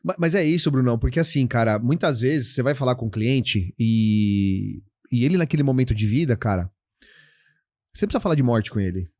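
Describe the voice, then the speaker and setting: A middle-aged man as a podcast guest, telling client stories in a casual, lively way and acting out both sides of the conversations. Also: mid-range voice, brisk, no room sound, clean studio sound. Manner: animated storytelling, acts out client dialogues, says "cara" often. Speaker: guest, insurance educator.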